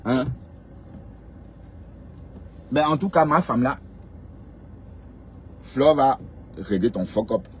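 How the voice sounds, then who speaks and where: Hosting a live stream, a man with a fairly low voice chats casually and lectures his commenters, addressing them directly in a chatty, scolding way. A little hiss or hum sits in the recording.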